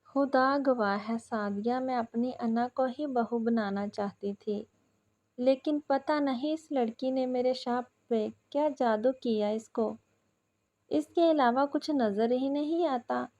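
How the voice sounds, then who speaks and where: A woman's voice: fairly high pitch, darkish tone, lo-fi sound, lightly acted. A woman reading as a scolding, scheming mother. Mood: tearful. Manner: reproachful, scolding. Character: domineering middle-aged mother, bitter and scheming.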